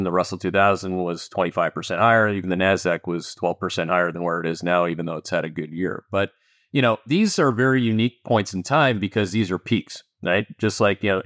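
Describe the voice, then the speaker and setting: A man with a Canadian accent, an investment firm founder answering interview questions in an animated, emphatic way with sarcastic asides. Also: deep voice, brisk, dry recording, clean studio sound.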